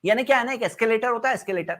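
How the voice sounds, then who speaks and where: A man giving a religious lecture, asking rhetorical questions and mixing English words into his talk. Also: very high voice. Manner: swings between loud emphasis and soft asides. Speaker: Islamic lecturer.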